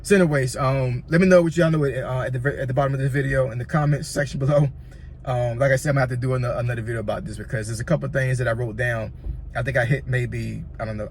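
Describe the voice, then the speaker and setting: With slight background noise behind him, a man of medium pitch speaking in a Southern Virginia accent rambles through casual tips as a YouTuber. He frequently repeats himself and asks "you know what I'm saying."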